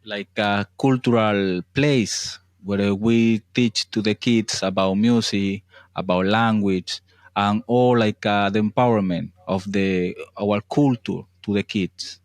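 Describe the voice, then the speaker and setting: Slow, low-voiced man with a Colombian accent. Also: steady tone, no echo. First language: Spanish. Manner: halting non-native phrasing. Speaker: interpreter. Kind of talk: spoken interpreting in simple English.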